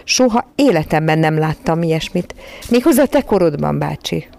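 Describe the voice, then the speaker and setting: A prim and haughty nanny from a storybook, sniffy and stern, as a woman reads her. The voice sits low and sounds gravelly and dark. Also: animated.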